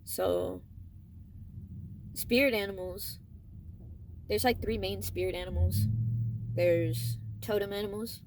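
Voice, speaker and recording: A young adult woman vlogger telling a personal story in a casual, rambling, fond way, with animated emphasis and trailing asides. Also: mid-range voice, takes it slowly, vocal fry, pauses often, noisy background.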